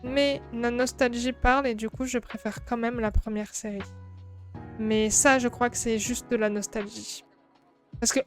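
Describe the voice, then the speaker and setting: A woman in her twenties, a streamer, chatting casually and laughing often as she answers chat while painting at her craft table. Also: on the high side. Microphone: streaming microphone.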